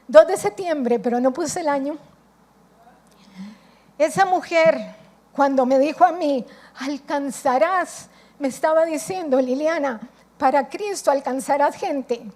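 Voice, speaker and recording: A woman's voice: high-pitched, a little mellow. A woman from Costa Rica with a Costa Rican accent, preaching a sermon with emphatic repetition. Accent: Costa Rican Spanish. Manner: emphatic, repeats phrases for effect.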